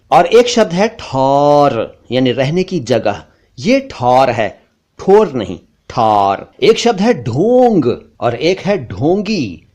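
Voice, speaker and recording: Man, pronunciation teacher, slow measured drilling, repeats words to contrast. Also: fairly high pitch, mellow. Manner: slow, deliberate word-by-word drilling, contrasting wrong and right forms. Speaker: language teacher. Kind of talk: pronunciation lesson.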